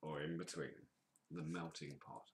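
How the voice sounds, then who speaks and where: A man's voice: very deep voice, fairly even intonation, normal speed, echoey room. A man, swearing and teasing in casual podcast banter from a dim bar. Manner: sweary, teasing, mocking accents. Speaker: podcast co-host.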